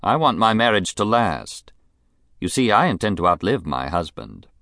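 A man reading a novel aloud, voicing a middle-aged rich woman with a clear voice and a bitter, mocking edge. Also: fairly low pitch, very animated, normal speed, a bit bright, no echo, studio quality, exaggerated voice. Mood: cool, bitter. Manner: languid, mocking, contemptuous. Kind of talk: audiobook character voice.

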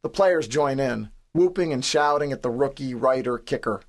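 A man's voice: medium pitch, moderate pace. Wry, understated man narrating his memoir. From New York City area. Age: 40s. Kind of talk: scripted audiobook narration.

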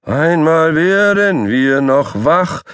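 A man voicing a female cat singing a carol in a grand, drawn-out way. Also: a little high, lively intonation, a bit bright, clean tone, no echo, studio quality, pitched above the performer's own voice. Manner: sung, drawn out, belting.

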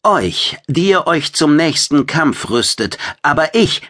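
A man's voice: on the high side, big pitch swings, slow pace, sharp tone, dry recording, pitched above the performer's own voice, heavily acted. A man putting on a fierce, mocking alien warrior woman. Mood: bitter. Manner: mocking, threatening, playful. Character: fierce female alien warrior, pregnant, teasing. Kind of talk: audiobook character voice.

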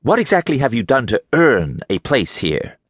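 A man's voice: lowish voice, lively intonation, a little slow, fairly bright tone, dry recording, studio quality, voice pushed up, full character voice. A man voicing a haughty, contemptuous middle-aged archaeologist with a nasal New England accent.

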